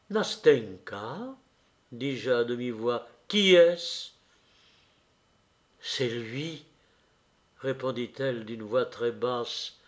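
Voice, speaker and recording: A man narrating a literary novel aloud in an expressive, measured, emotional way. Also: mid-range voice. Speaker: audiobook narrator.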